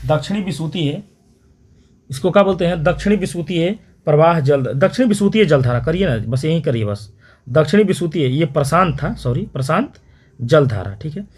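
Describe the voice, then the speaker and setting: Guy teaching a geography lesson for exam prep, bit higher voice, keeps asking questions and repeating stuff. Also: expressive, moderate pace, darkish tone, slightly rough. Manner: repetitive question-and-answer drilling, frequent "theek hai".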